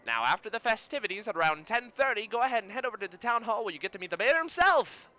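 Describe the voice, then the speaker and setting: Male performer as a brash fairground barker, raised pitch, hard-sell patter, punchy and bright. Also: big pitch swings, fast, exaggerated voice. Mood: cheery. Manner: booming sales patter. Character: loud pushy adult male carnival barker.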